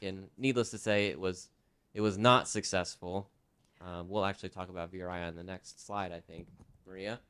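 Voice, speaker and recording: A man working as a sign language interpreter, speaking a presenter's signed talk aloud in the first person, conversational and lively. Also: fairly low pitch, clean tone.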